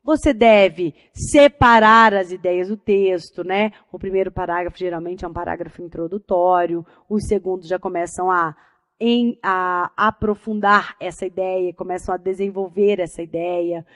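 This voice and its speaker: A woman teacher with a Brazilian accent giving an energetic, chatty lecture and addressing her students as a group. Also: on the low side, moderate pace, no room sound, clean studio sound. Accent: Brazilian Portuguese. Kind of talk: lively classroom lecture.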